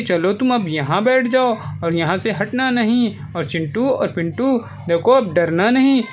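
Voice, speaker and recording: A man narrating a toy play story for children in an animated, coaxing way, with lots of exclamations. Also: very high-pitched, slight background noise.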